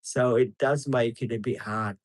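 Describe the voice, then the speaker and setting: A man's voice: mid-range voice, steady tone, a little slow, no echo. Rambling man in his fifties. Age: 50s. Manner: rambling and chatty, many ums, answers viewers by name. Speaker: live streamer. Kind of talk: casual live stream chat. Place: outdoors beside traffic.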